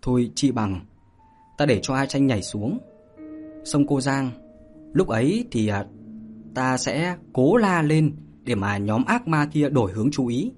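A man voicing a brave, self-sacrificing sixteen-year-old girl thinking quietly to herself. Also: medium pitch, sing-song, a little slow, faint music behind. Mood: resolved.

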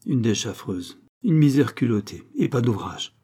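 A man's voice: mid-range voice, big pitch swings, normal speed, warm tone, breathy edge. A man voicing a frightened, servile older male ex-steward who speaks humbly and pleads in a spoken storybook. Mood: humble.

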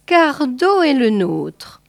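A woman's voice: sits high, sing-song, very slow, creaky, no echo, studio quality, pitched above the performer's own voice, exaggerated voice. A woman voicing a vain, pompous retired merchant, an older man who exclaims and boasts. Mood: boastful.

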